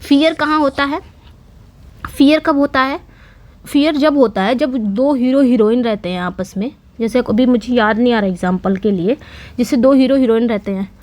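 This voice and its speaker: A woman's voice: a little high, normal speed, a little mellow. A woman teaching English literature terms in an online lecture, repeating key points and answering her own questions. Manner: explanatory, repetitive, asks and answers own questions.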